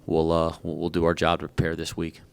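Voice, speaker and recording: A man's voice: extremely low pitch, monotone, fairly quick, creaky, clean tone. A man coaching basketball, answering at a press conference while out of breath, frank and rambling with a self-joking manner. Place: press conference room at a podium.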